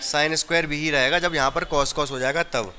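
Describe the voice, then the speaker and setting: A man's voice: on the high side, steady tone, a little slow, sharp tone. A man from India teaching a maths class, explaining each step and often checking that the students have understood.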